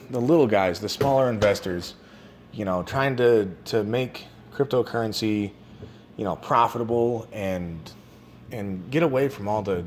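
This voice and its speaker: A man with a lowish voice talks through an explanation in a casual, unscripted way. He is conversational and informal, often dropping in "you know". The recording carries a faint layer of noise. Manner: informal, conversational, frequent 'you know'. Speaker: presenter explaining a crypto project.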